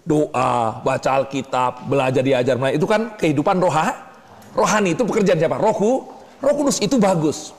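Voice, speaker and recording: Male preacher, lively teaching sermon, call-and-response questioning, slightly high voice, reverberant hall. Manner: keeps asking the audience "betul tidak?" and pausing for answers; animated, swings between high exclamations and low asides. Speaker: preacher teaching a discipleship class.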